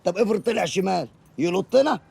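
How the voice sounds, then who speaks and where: A man's voice: sits high, lively intonation, vocal fry, darkish tone, slightly rough, dry recording, exaggerated voice. An actor playing a poor, street-smart young man who is brash and mocking in a film comedy. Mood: teasing. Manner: brash, quick-witted, mocking.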